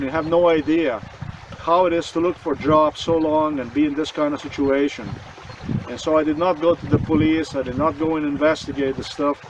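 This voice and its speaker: A vlogger from Slovenia tells his own story to camera in an earnest, insistent monologue that often circles back and repeats itself. His voice is on the high side, with a little hiss or hum, and sounds distant from the mic.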